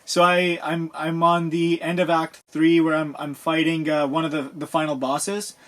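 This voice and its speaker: Relaxed man telling gaming stories. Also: fairly high pitch, normal speed. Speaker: podcast co-host. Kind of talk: casual chat.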